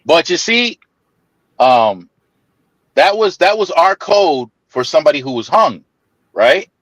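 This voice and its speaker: A man telling a long family story in casual chat, laughing often, stammering over restarts and jumping into high voices to mimic people. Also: sing-song, a little slow, fairly bright tone, no echo, low-quality recording.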